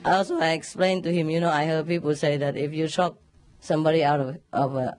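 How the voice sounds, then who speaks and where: Low-pitched and fairly quick, a woman who teaches spirituality shares a story in casual speech. She keeps laughing and acts it out with sound imitations.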